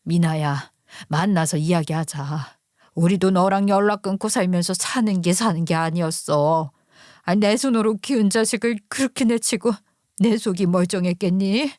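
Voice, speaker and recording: A woman voicing a tearful, remorseful older mother who speaks slowly in a story reading. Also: lowish voice, a little mellow, no echo, studio quality, lightly acted. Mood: emotional.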